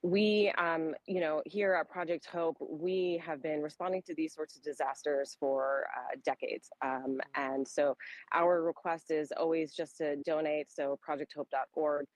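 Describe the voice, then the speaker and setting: A woman's voice: deep voice, steady tone, a little slow, no echo, low-quality recording. A woman, a humanitarian relief worker, giving spontaneous, explanatory answers in a news interview, feeling her way through phrases.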